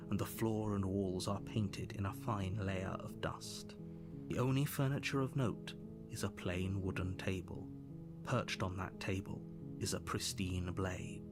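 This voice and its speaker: A stern male game narrator, with a lowish voice and clear music underneath. He is measured, solemn and imperious. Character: stern, grave, commanding male narrator urging a killing. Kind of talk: video game narration, scripted. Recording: music behind the voice.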